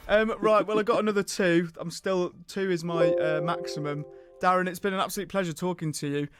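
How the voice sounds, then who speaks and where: A man's voice: high-pitched, fairly even intonation, fairly quick, loud music behind the voice. A man hosting a casual radio quiz, chatty and self-deprecating, often hesitating as he goes. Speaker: radio host.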